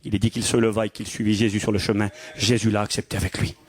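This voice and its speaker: A man preaching a sermon with lively, animated delivery, acting out the people in his stories. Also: lowish voice, quick pace. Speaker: pastor.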